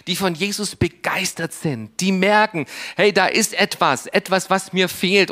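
A man preaching a sermon in a slightly high voice. He speaks slowly, in short, deliberate phrases with long pauses. He often drops to a hushed, low tone to drive a point home.

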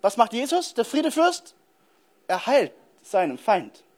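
A man's voice: very high-pitched, unhurried. A man giving a conversational sermon, telling stories animatedly and speaking straight to his listeners. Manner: animated storytelling, addresses listeners directly. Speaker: preacher.

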